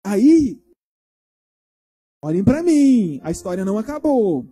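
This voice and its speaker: A male pastor delivers a children's sermon in church, retelling a story and quizzing the kids along the way. His voice is high, slow and husky, and his manner is animated.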